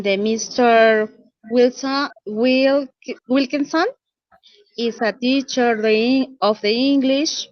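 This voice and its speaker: Woman, student, very slow halting speech, lots of fillers, dry dull call audio. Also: fairly high pitch, no echo. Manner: hesitant, many fillers, searching for words.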